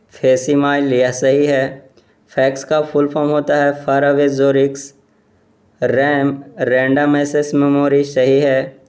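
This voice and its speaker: A man reading exam questions aloud and explaining each answer in a steady, repetitive way. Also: mid-range voice. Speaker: exam quiz presenter.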